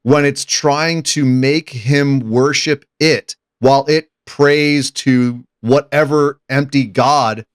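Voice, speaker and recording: A man's voice: medium pitch, fairly even intonation, slow pace, hardly any pauses, clear, resonant tone, dry recording, clean studio sound. A man hosting a casual movie discussion podcast, retelling scenes with enthusiasm. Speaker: podcast host.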